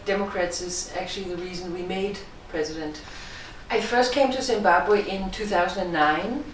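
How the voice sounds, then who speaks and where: A middle-aged woman director speaks with a Danish accent, explaining her work in a measured, thoughtful way. Her voice sits somewhat low and is picked up from a distance in a strongly echoing room, with a faint hiss behind it. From Denmark. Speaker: film director. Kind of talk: interview answers. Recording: echoey room, distant mic.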